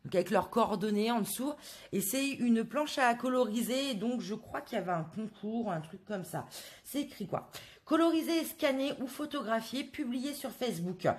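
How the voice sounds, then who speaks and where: A woman's voice: fairly high pitch, lively intonation, normal speed. A woman from France in a casual haul video, chatting to her viewers with many hesitant fillers. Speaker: craft vlogger.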